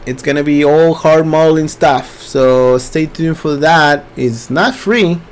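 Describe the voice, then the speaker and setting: A man hosts a laid-back live stream Q&A, reading chat questions out and answering them in an easygoing, unhurried way. His voice sits a little high for a man, and he takes his time over his words, with plenty of fillers. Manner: relaxed, reads chat questions aloud, many fillers. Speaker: webinar host.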